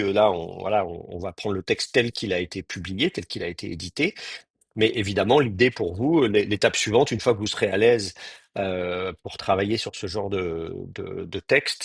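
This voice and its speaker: A man with a lowish, gravelly voice teaches a Hebrew class online, pausing on fillers and restarting his phrases as he goes. He slows right down to pronounce each Hebrew word. The sound is husky and very dry, with no room around it. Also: no room sound. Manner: halting, many fillers and restarts, spells out Hebrew words slowly.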